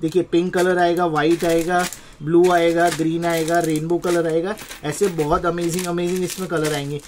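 Indian man giving an emphatic sales pitch. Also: flat delivery, normal speed, darkish tone, slight background noise. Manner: repetitive, emphatic selling patter.

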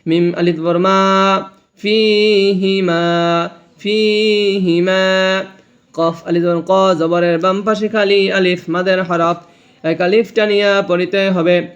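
In a recorded reading lesson, a man teaches Quran reading in a high, fairly bright voice with a level tone and measured pace. He spells out letters and vowel marks, then draws out each joined syllable and repeats words so the listener can echo them.

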